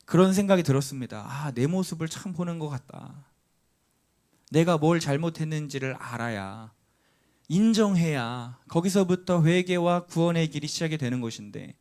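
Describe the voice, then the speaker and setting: Animated Korean pastor preaching a story. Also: male voice, on the high side. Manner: animated storytelling, acting out a child's cries. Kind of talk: sermon with a personal story. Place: church sanctuary.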